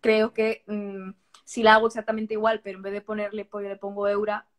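A woman's voice: mid-range voice, monotone, a little fast. A woman from Barcelona, a guest on a podcast, talking frankly in a casual conversation and often restarting words. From Barcelona, Spain. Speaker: podcast guest, vegan author.

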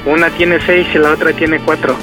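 A man's voice: on the high side, little pitch movement, normal speed, over music. A man in his early thirties with a Mexican accent, chatting casually and hesitantly as a radio caller. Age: early 30s. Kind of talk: casual phone chat.

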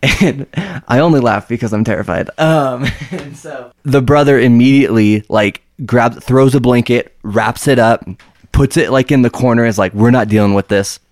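A man telling a scary story casually to friends in a wooden cabin, in a halting, repetitive way and acting out quotes. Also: mid-range voice, no room sound, clean studio sound. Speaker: podcast co-host. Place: small creaky wooden cabin in the woods.

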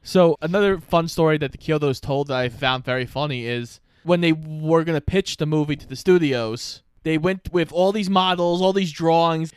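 A man's voice: fairly high pitch, moderate pace, hardly any pauses, clean tone, no echo, studio quality. A young man co-hosting a casual movie review podcast, recapping the plot in an easygoing way. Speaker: podcast co-host.

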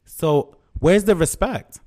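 A man's voice: a little high, expressive, slow pace, mellow. A man hosting a podcast, telling stories in a casual, profane, slangy rant and acting out both sides of exchanges with sassy animation. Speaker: podcast host. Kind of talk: casual ranting monologue to listeners.

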